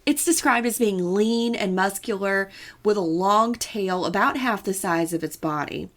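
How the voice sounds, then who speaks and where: A woman chatting on a podcast, explaining things in a playful, storytelling way. She tosses in jokes and little asides as she goes, in a voice of middling pitch. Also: a little slow. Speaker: podcast co-host. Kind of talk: casual podcast chat.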